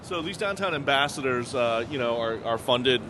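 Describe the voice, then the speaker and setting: A man's voice: mid-range voice, animated, normal speed. A man giving emphatic, indignant political commentary outdoors during a street interview. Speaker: local commentator. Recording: loud street and traffic noise.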